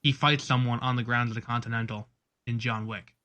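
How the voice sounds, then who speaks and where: A man's voice: mid-range voice, steady tone, brisk, pushed and bright. Guy on a movie podcast, lots of ums, kinda exasperated rambling. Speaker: podcast co-host. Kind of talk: casual chat.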